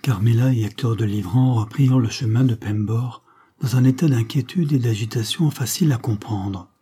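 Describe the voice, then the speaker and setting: Husky man reading a novel aloud. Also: medium pitch, normal speed, warm tone. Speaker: audiobook narrator. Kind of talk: scripted narration.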